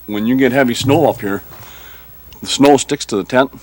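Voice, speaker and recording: A man's voice: mid-range voice, moderate pace, low-quality recording. A man with a Yooper accent from Michigan's Upper Peninsula, chatting casually in a folksy way as he shows someone around a camp. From Midland, Michigan. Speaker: deer camp member being interviewed.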